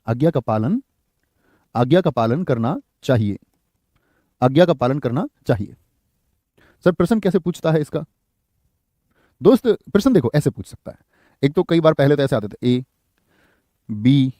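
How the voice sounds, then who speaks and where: Male grammar tutor, fairly high mellow voice, quizzes the class, dry close sound. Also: no room sound. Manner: keeps asking the class questions and checking with "theek hai"; repeats the corrected sentence slowly for emphasis. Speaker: Hindi grammar teacher. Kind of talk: live online class, answering chat.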